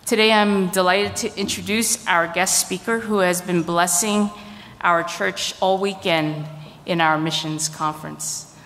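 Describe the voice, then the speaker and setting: Slow-spoken female pastor in an echoing hall. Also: on the low side, steady tone, fairly bright tone. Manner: measured, deliberate. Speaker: pastor introducing a guest speaker. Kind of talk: scripture reading and formal introduction. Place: large church hall, at a pulpit. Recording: reverberant hall sound.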